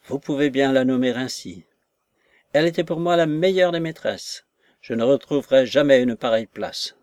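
A man's voice: mid-range voice, normal speed, darkish tone, dry recording, clean studio sound, natural voice. A man voicing a distraught lady's maid, a woman who wails and pities herself in a raised, plaintive voice. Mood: lamenting.

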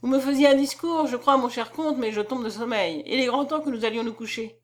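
A reckless, impassioned young gentleman who blames himself for every harm, as a woman reads him. He jokes to dodge trouble, then speaks with fire. The voice sits a little high. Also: fairly quick, close to an everyday voice. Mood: joking, evasive. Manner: impassioned, tries to joke it off. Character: reckless, self-reproaching young nobleman.

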